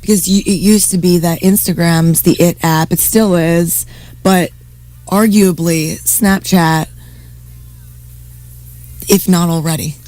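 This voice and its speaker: A woman's voice: on the low side, steady tone, slow pace, long pauses, warm tone, dry recording, soft background music, low-quality recording. A woman hosting a talk radio show, interviewing guests in a casual conversational style. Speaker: radio host and journalist.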